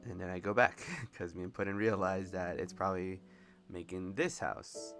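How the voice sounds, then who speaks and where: A man's voice: low-pitched, steady tone, normal speed, music in the background. A man doing casual, rambling commentary over video game footage and laughing often. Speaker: gameplay commentator.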